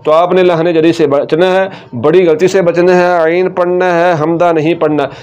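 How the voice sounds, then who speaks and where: A man teaching Quran recitation, explaining letter sounds step by step and repeating words slowly. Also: on the high side, fairly even intonation, darkish tone, clean tone, highs cut off. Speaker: tajweed teacher.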